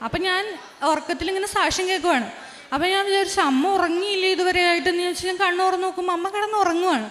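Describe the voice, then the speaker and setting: Casting: very high-pitched young woman, earnest testimony, echoing hall. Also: fairly even intonation, a bit bright. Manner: earnest, halting, with restarts and quoted dialogue. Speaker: testimony giver. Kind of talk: giving a spoken religious testimony. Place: large prayer hall. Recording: long hall reverb.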